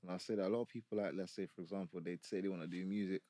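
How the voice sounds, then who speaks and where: A man's voice: low-pitched, fairly even intonation, racing, dark tone. A man with a multicultural London accent explaining his views in casual podcast chat, tagging phrases with yeah and innit. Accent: London, multicultural London English. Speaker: music artist in podcast discussion.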